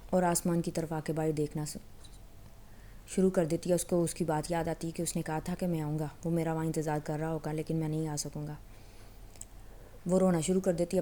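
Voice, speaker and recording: A woman with a low, mellow voice retells a novel in a loose, conversational way. She speaks the characters' lines in her own plain voice and restarts a word here and there. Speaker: storyteller.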